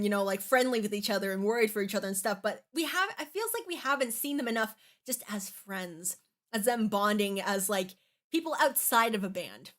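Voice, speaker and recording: Woman rambling casually, with false starts. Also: a little high. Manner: halting, with false starts and many fillers. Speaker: anime reviewer. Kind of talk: casual opinionated commentary.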